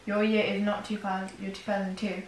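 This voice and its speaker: A woman's voice: medium pitch, level tone, a little fast. A young woman co-hosting a casual eating vlog and teasing her co-host as they chat. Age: young adult. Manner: teasing, joking. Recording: echoey room with faint noise.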